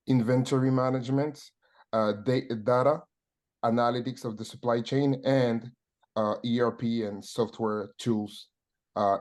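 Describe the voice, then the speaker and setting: A man with a French accent, a supply chain consultant speaking as a webinar guest, measured and halting with many fillers. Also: mid-range voice, a little mellow. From France.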